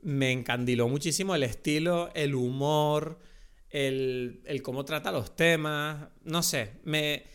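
A man's voice: on the high side, takes it slowly, a bit bright, smooth. A man with a Venezuelan accent, co-hosting a podcast and chatting about films in long, rambling turns. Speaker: podcast co-host. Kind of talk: casual film chat.

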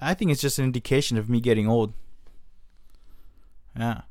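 A man's voice: mid-range voice, normal speed, darkish tone, dry recording, studio quality. A man hosting a podcast, telling a story in a casual, profane, exasperated and self-mocking way. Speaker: podcast host.

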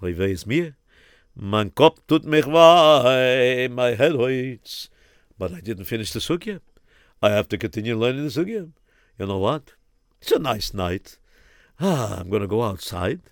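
A man's voice: medium pitch, lively intonation, measured pace, dry recording, studio quality. A man doing a fretful, stammering pious man. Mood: weary. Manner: stammering, exclaiming, panicky. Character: pious middle-aged man, excitable and fretful.

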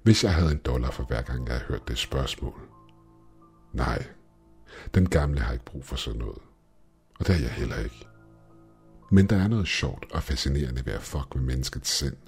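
A man's voice: a bass voice, lively intonation, pauses often, a little mellow, soft background music. A man voicing a mocking, goat-legged male demon shopkeeper in a horror story. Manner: smug, taunting, hissing.

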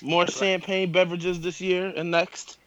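A man's voice: high voice, level tone, a little slow, heavy background noise. A man co-hosting a podcast, talking in a laid-back, slangy way. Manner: laid-back, slangy, keeps saying "you know what I'm saying". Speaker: podcast co-host. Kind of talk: casual chat.

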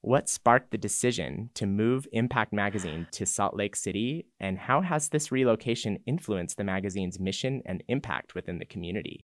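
Brief: male interviewer, deliberate and measured, lowish voice, dry close recording. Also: animated, no echo. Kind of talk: prepared interview questions.

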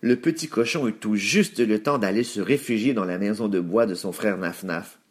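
A man narrating a children's story aloud in an expressive read-aloud manner. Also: on the low side, normal speed.

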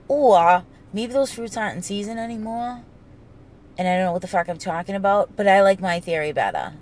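A woman from New England, her voice mid-range and a touch mellow, rambles casually as the solo host of a podcast. She drops the G at the ends of words and keeps things sweary and self-mocking.

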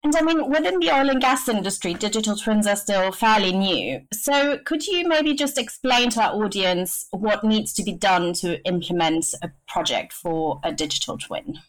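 A woman's voice: medium pitch, expressive, moderate pace, hardly any pauses, low-quality recording. A woman hosting a podcast, asking guests questions in a curious, conversational way. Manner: inquisitive, conversational. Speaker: podcast host. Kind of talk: podcast interview.

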